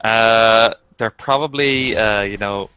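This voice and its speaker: A man's voice: on the low side, takes it slowly, a crowd in the background. A man with a west of Ireland accent giving casual, chatty game commentary with joking banter as an esports co-caster.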